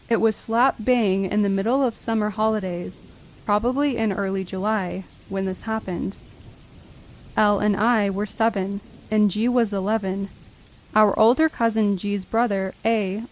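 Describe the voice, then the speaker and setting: Give a woman narrator reading true horror stories from a script. Her voice sits at an average pitch for a woman, and she tells each account in the first person as a storyteller would. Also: darkish tone, rough recording.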